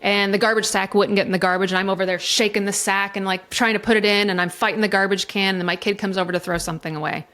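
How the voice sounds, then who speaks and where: A middle-aged woman speaking frankly in a podcast interview, her pitch sitting in the middle of the range. Her talk is emotional and raw, with swearing mixed in as she tells her story. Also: fairly even intonation, fast talker, hardly any pauses, a bit bright. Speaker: divorce coach and mediator guest. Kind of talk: candid conversational interview.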